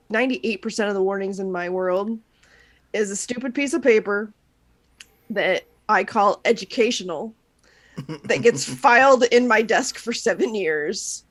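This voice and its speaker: Woman, mid pitch, podcast co-host, wry, casual chat. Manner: wry, explanatory, laughing.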